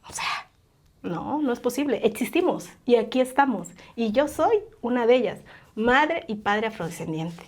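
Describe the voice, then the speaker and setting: A woman's voice: fairly high pitch, lively intonation, moderate pace. Woman, earnest, filler-heavy, tag questions, podcast guest. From Oaxaca coast, Mexico. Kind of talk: casual interview conversation.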